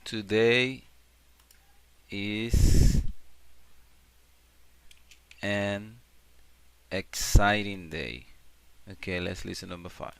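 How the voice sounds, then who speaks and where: A man teaching a beginner English grammar lesson, repeating example sentences slowly and clearly. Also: on the low side. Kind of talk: slow classroom-style grammar lesson.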